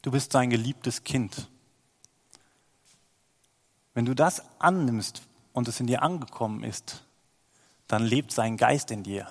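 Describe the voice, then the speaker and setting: A man's voice: mid-range voice, slow pace, long pauses, long reverb tail. A man preaching a sermon, earnest and inviting, at times rising to fervent exclamations.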